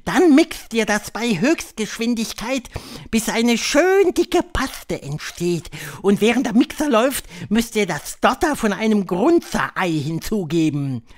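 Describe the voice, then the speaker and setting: Grand High Witch, shrill and commanding voiced by a man. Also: big pitch swings. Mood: imperious. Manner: commanding, drawn-out, lecturing. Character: imperious shrill female witch leader. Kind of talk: audiobook character voice.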